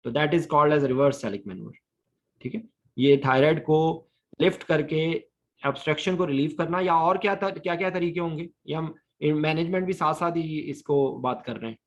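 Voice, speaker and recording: A man's voice: on the high side, moderate pace. A man teaching an online anesthesia lesson, quizzing his students and mixing English medical terms into his speech. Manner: questions students, mixes English terms into Urdu.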